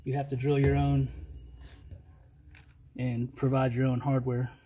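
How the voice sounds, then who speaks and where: A middle-aged man gives a plain, unhurried product review outdoors in his yard, talking to a handheld camera. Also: mid-range voice, level tone, mellow, husky. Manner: plain, unhurried, folksy talk with fillers. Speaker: channel host reviewing a trailer tool box. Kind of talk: casual product review vlog. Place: outdoors in a yard beside a trailer.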